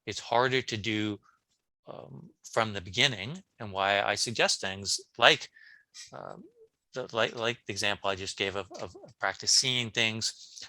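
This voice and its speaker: A man, a brain coach on a podcast, talking casually in an interview, telling animated stories with frequent restarts. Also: fairly low pitch, unhurried, dry recording. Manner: animated storyteller, many restarts.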